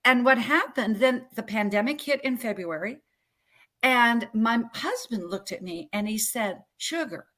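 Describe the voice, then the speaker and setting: This is a woman in her sixties, a health coach being interviewed. She tells her story in an animated, emphatic way, with a voice pitched a little high. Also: unhurried. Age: 60s. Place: Central Florida.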